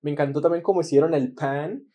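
A man's voice: on the high side, fast talker, mellow. A man hosting a casual reaction video, enthusiastic and often repeating words as he searches for them.

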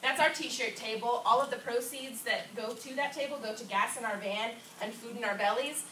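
A woman's voice: on the high side, moderate pace, fairly bright tone. Young woman from florida, upbeat, talking to a church crowd, far off, noisy echoey room. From Orlando, Florida. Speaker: drama ministry team leader. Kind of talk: church announcements and prayer. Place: church hall with a wooden floor, indoors. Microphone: far camera.

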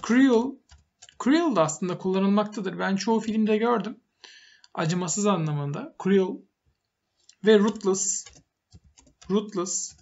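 A man's voice: sits high, lo-fi sound. Man teaching vocabulary, repeating each word. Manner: explanatory, repeats words for emphasis. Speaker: English teacher. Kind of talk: vocabulary lesson while typing.

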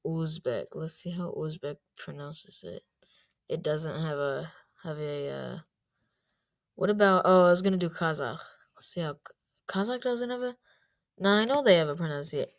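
A woman's voice: low-pitched, moderate pace. A young woman giving rambling, chatty commentary in a casual vlog, with plenty of fillers. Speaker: YouTuber.

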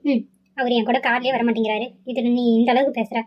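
A woman's voice: fairly high pitch, steady tone, fast talker, darkish tone, pitched below the performer's own voice, lightly acted. A woman voicing an irritated young fiancée who complains and sulks, in a cartoon. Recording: slightly dull lo-fi audio.

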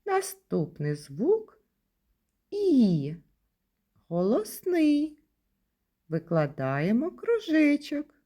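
A woman from Ukraine leads a lesson for small children, speaking slowly and patiently. Her voice is mellow, and her pitch swings widely as she lifts each word she wants them to catch. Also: big pitch swings. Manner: sing-song, stresses key words with rising pitch. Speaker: kindergarten teacher.

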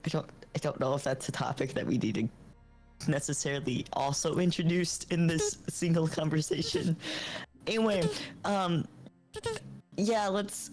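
Rambling tabletop player in character. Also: medium pitch. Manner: rambling, self-correcting, playful.

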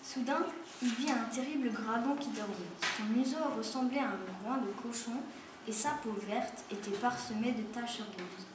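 A woman at a school reading a children's story aloud with steady delivery. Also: a little high, normal speed. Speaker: reader at a school. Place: school room. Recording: echoey room, far from mic, noisy.

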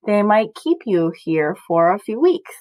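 A woman reading aloud, voicing a father who speaks calmly while hiding his worry. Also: mid-range voice, unhurried, dry recording, low-quality recording. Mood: guarded. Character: troubled father, calm and guarded.

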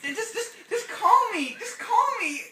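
Man putting on a high-pitched gushing fangirl. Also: unhurried. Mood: giddy, gushing. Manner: excitable, valley-girl filler-laden talk. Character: gushing, giggly young female celebrity fan. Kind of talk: prank voicemail. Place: dim living room at home. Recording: echoey room, distant, faint noise.

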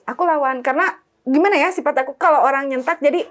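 Brief: woman, fairly high voice, lively storyteller acting out quotes. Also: quick pace. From West Java, Indonesia. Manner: lively storyteller who acts out quoted dialogue. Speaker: interviewee, former migrant worker. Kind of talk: recounting a personal ordeal in casual chat.

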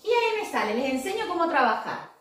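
A woman teacher with a high voice, giving a recorded English lesson to children. She explains each step patiently and keeps checking that everyone follows. She sounds far from the mic in a very echoey room. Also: big pitch swings, quick pace, a bit bright. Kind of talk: recorded online class for young pupils.

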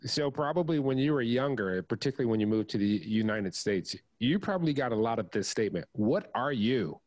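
A man's voice: medium pitch, animated, fairly quick, dry recording. A man hosting an interview, asking long searching questions that ramble as he thinks aloud. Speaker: interview host. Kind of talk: interview conversation.

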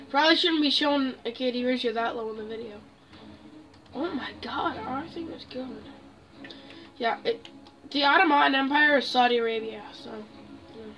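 High-voiced woman chatting over gameplay. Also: normal speed, pauses often, a bit bright, distant mic, rough recording. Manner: chatty, muttering asides to herself. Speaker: gaming channel host. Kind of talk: casual gameplay commentary.

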